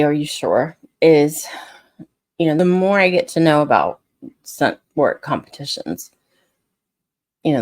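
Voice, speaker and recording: Woman, dog trainer, gravelly fry, dry close sound, blunt, frustrated, rambling. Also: deep voice, a little mellow, dry recording. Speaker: scent work dog trainer. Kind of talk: casual unscripted talk to camera.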